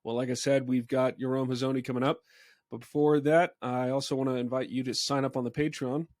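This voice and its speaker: A man's voice: mid-range voice, steady tone, brisk, darkish tone, dry recording, clean studio sound. A man from the United States, a pastor hosting a podcast, speaking in a friendly, plain way and asking long winding questions. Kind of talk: conversational podcast interviewing.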